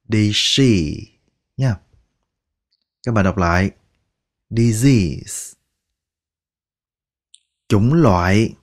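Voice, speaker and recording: A man teaching English pronunciation, repeating each word slowly and drawing out its sounds, patient and coaxing. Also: lowish voice. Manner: patient, coaxing, ends phrases with soft particles. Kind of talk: slow pronunciation lesson.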